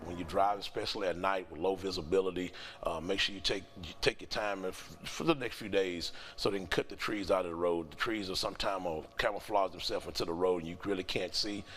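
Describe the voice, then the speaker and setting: A man's voice: deep voice, brisk, few pauses, fairly bright tone. A man sheriff giving plain-spoken safety advice in a news interview.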